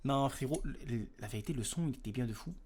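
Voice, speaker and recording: A young man chats loosely on a livestream. He teases his co-host in quick street slang, his voice sitting in a middle register. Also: medium pitch, breathy edge. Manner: teasing, animated slang. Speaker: stream co-host. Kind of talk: casual chat reacting to an album.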